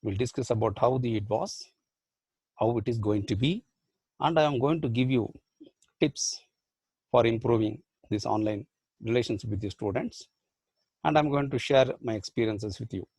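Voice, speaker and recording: A man's voice: medium pitch, moderate pace, creaky, pauses often, a little mellow, husky, no room sound. A man with an Indian English accent, a professor and life skills trainer whose first language is Badugu, giving a motivational online lecture full of rhetorical questions and repeated phrases.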